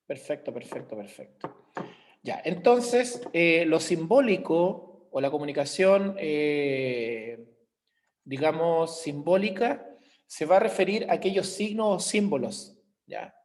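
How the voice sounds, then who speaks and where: Taking it slowly, a Chilean man teaches an online class in a slightly high, slightly mellow voice with lively intonation. He uses everyday examples to explain and checks in with students, recorded on a computer mic during a video call.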